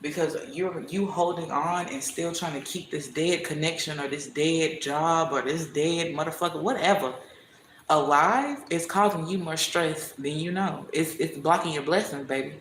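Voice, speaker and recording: A man with a fairly high voice gives a live tarot reading in a casual, profane and preachy way. He talks bluntly and emphatically. The sound carries a roomy echo with a faint hiss behind it. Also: moderate pace, a bit bright. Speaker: tarot reader streaming live.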